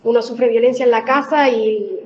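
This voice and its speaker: A woman preaching a Bible reflection in a conversational way, pausing often with fillers. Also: fairly high pitch, steady tone, muffled recording. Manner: conversational, with many fillers and pauses. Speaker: church speaker.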